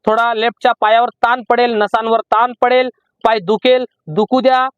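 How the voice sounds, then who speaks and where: A man with a strikingly high voice and a Marathi accent gives a driving lesson from the seat of his car. He drags out key steps and repeats them patiently. The sound is close and dry, a little dull and muffled. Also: little pitch movement, clear, resonant tone, no echo. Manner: repetitive, slow emphatic teaching. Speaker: driving instructor. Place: inside a parked car. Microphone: camera in the car.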